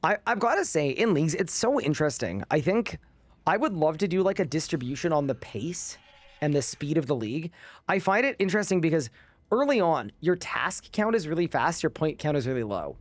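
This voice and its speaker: Tired, lively-voiced male streamer. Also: on the high side, a little fast, dry recording. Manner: rambling, chatty, reading chat aloud. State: tired, sleep deprived. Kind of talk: casual live-stream gaming chat.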